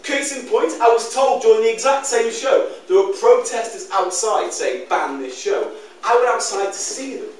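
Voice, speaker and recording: A British man tells dry, deadpan anecdotes from a comedy stage in a fairly high voice. He is far from the mic, and the hall echo is strong. A faint hiss sits behind him. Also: moderate pace, few pauses. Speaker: co-host, comedian. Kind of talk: stand-up storytelling.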